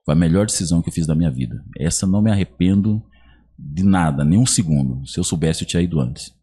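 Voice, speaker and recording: A podcast guest in his thirties from Brazil recounts his personal faith testimony. His voice is husky and his pitch swings a lot. He acts out the dialogue of his mother and uncle as he goes. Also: fast talker. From Iguape, Brazil. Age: 30s. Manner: animated storyteller acting out quoted dialogue.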